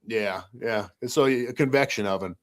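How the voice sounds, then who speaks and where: Talking at normal speed in a mid-range voice, this fifty-something man from Michigan muses in a rambling, reflective way during a relaxed podcast conversation. He frequently adds "you know what I mean."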